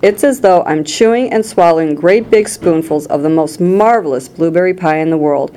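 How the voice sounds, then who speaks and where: A woman's voice: on the low side, moderate pace, warm tone, close to an everyday voice. A woman voicing a brash, greedy young girl in a storybook, boastful and exclaiming as she chews. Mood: ecstatic. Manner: boastful, exclaiming, talks while chewing.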